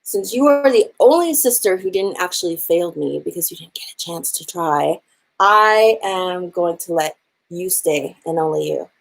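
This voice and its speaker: A woman's voice: fairly low pitch, animated, normal speed, gravelly, low-quality recording. A woman voicing a proud, impatient young male chief in a casual, modern way of speaking. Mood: annoyed. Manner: casual, modern slangy speech.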